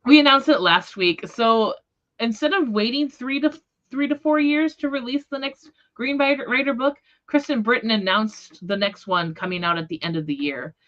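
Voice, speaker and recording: A woman with a fairly bright, higher voice hosts a casual book readalong on an online livestream, talking at a moderate pace. She speaks informally and often corrects herself mid-thought, and the audio has its highs cut off.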